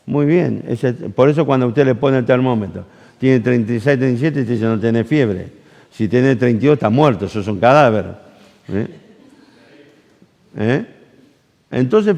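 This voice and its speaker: A man's voice: medium pitch, vocal fry. A man with an Argentine accent preaching a sermon, telling a personal story with acted-out dialogue and questions to the congregation. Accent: Argentine Rioplatense Spanish. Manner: animated storytelling, acts out dialogue, asks the audience questions. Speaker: pastor. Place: church camp hall. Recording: long hall reverb.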